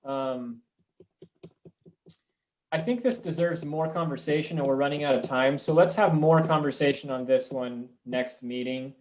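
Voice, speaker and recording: A man chairing a committee video call, thinking aloud with frequent pauses and ums. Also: medium pitch, fairly even intonation, a little mellow, low-quality recording. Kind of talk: online meeting discussion.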